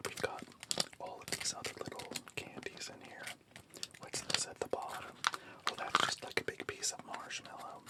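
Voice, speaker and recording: A person whispering throughout in an ASMR style, unhurried and musing hesitantly as a food-tasting host.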